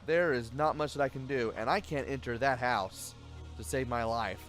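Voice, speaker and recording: Tired male let's play host, low-key commentary with faint game music under it. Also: normal speed, fairly bright tone. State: tired, late at night. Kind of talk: gameplay commentary.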